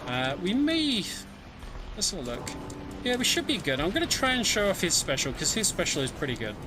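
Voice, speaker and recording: This speedrunner talks briskly in a high, sing-song voice, offering wry, chatty commentary on his run and recounting the game's story as he goes. The stream comes from his home setup, with game music and some background noise.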